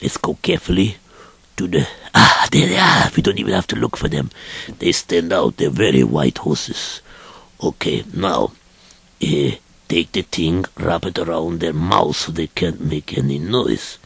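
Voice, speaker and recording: A sly horse thief growls out hushed orders in a gravelly, very deep voice. He drawls slowly, with a husky, breathy edge, in a dry, close sound. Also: animated, dry recording, full character voice. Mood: sneaky. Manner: hushed, plotting instructions. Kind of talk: amateur audio storytelling.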